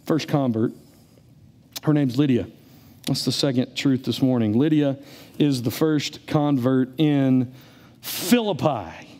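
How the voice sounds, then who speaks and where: A middle-aged man, preaching a sermon in a church in an animated, conversational way. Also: slow, long pauses. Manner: animated, conversational preaching, rising to emphatic high peaks. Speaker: pastor. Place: church sanctuary.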